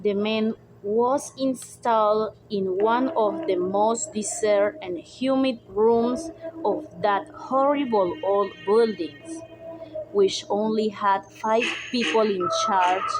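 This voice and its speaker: A young woman whose first language is Spanish, slowly reading a dark story aloud with careful pauses, over loud background music. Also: fairly high pitch, poor audio. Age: young adult. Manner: slow, careful reading, with pauses between phrases. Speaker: student narrator. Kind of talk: read-aloud story narration.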